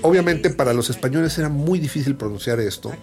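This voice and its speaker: Musing Mexican man, soft music behind. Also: mid-range voice, animated. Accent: Mexican Spanish. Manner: musing, unhurried, restarts phrases with "eh". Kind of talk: casual spoken monologue.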